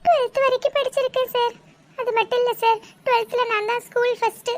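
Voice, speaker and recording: A woman's voice: steady tone, fast. A woman voicing a poor, polite young woman working as a shop assistant in a cartoon. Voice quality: very high, girlish cartoon voice. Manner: polite, deferential. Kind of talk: cartoon dialogue.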